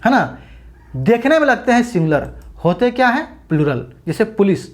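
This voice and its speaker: This woman's voice sits on the high side, moving at a moderate pace with big swings in pitch. She leads a grammar lesson in English for students facing exams, asking things and then answering them, and she calls viewers brothers and sisters.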